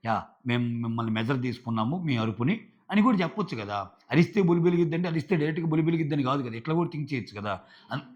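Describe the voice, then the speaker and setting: A man's voice: mid-range voice, fairly bright tone. Chatty man recapping, dull lo-fi sound. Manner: chatty, filler-heavy retelling. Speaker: show reviewer. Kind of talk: casual episode recap.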